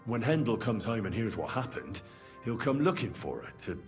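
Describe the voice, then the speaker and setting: An actor voicing a practical, reassuring schemer in a video game, conversational and persuasive. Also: male voice, fairly low pitch, sing-song, moderate pace, faint music behind. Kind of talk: video game dialogue acting.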